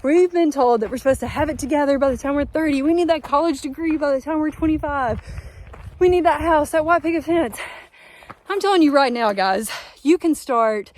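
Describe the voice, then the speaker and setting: Upbeat young woman hiker, high voice. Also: fairly quick, darkish tone, slight background noise. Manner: earnest, upbeat, pep-talk tone. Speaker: long-distance hiker vlogging her trip. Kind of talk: casual motivational vlog talk. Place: outdoors on a mountain trail.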